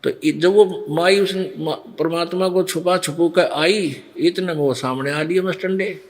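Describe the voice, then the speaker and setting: A man preaching a devotional sermon, telling a story and acting out what the figures say. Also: a little high. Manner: slow storytelling that acts out the figures' lines.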